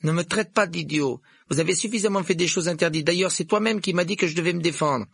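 Man doing a nervous schoolboy, raised pitch, stammering, husky, storybook. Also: fast, a bit bright, no echo, exaggerated voice. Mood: defiant. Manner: stammering, anxious. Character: timid, stubborn schoolboy.

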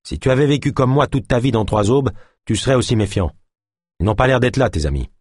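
A man playing a gruff, suspicious male guard who grumbles and speaks bluntly, read in an audiobook. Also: mid-range voice, lively intonation, a little fast, darkish tone, dry recording, clean studio sound. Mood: gruff, wary.

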